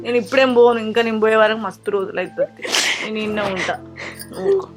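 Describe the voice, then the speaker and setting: A woman's voice: on the high side, expressive, fast, soft background music, lightly acted. An actress playing a young pregnant daughter, soothing and reassuring her grieving parents.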